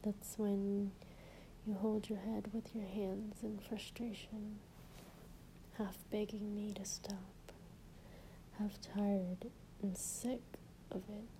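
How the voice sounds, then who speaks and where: A woman's voice: mid-range voice, little pitch movement, slow pace, pauses often, background noise. A woman in an intimate ASMR role-play, speaking tenderly and breathily as a partner reading poetry to someone lying in her lap.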